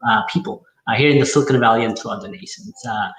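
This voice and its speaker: A man from Nepal speaks in a bright voice, pausing often on fillers as he talks through his work. The echoey room rings around his words. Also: mid-range voice. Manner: hesitant, lots of fillers and restarts. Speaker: guest, accountant. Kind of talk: casual interview talk.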